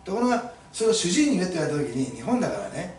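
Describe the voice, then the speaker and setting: A man's voice: high voice, big pitch swings, rapid-fire, a little mellow, a little hiss or hum. A male pastor preaching a sermon to his congregation, emphatic and fond of rhetorical questions, recorded in an echoey church hall from a distance. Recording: echoey room, mic at a distance.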